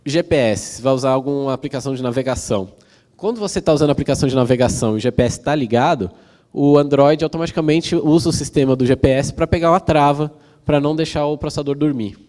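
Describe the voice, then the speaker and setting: A man's voice: medium pitch, darkish tone. A Brazilian man giving a casual technical conference talk, explaining step by step with many fillers and tag questions. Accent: Brazilian Portuguese. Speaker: conference speaker. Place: large conference hall. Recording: long hall reverb.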